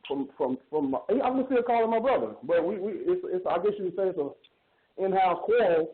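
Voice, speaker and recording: A male caller on a speakerphone whose voice echoes like it comes from a tunnel, talking in a rambling, halting way and repeating words. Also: high voice, lively intonation, slightly rough. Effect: echoing tunnel sound on speakerphone. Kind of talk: call-in show chat. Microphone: phone on speaker. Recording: tinny echoey phone line, faint noise.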